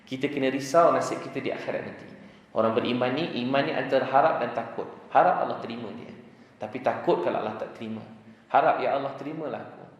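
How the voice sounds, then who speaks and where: Fast-talking Malaysian preacher in an echoey mosque. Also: male voice, mid-range voice, lo-fi sound. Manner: asks the audience questions and answers them himself. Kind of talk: sermon.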